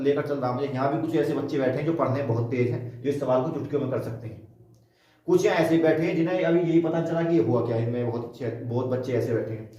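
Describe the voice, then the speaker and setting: A man's voice: mid-range voice, warm tone, highs cut off. A man with a North Indian Hindi accent teaching a math class, explaining each step with questions to his students and bragging about his teaching. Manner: step-by-step explaining with rhetorical questions, boastful asides. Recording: very echoey room, voice from far off the mic.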